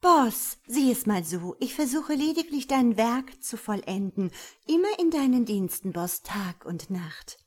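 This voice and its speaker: A woman's voice: medium pitch, big pitch swings, a little slow, hardly any pauses. A woman reading a storybook aloud and voicing a cheeky, defiant female angel with a brash, slangy way of talking. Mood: wheedling.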